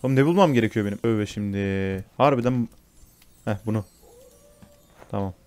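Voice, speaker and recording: A man's voice: fairly low pitch, fairly quick, darkish tone. A young man talking over a horror game as he plays it, cursing and then apologizing to his viewers. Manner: swears, then apologizes to viewers; panics and shrieks when scared. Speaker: gaming YouTuber. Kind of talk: let's play commentary.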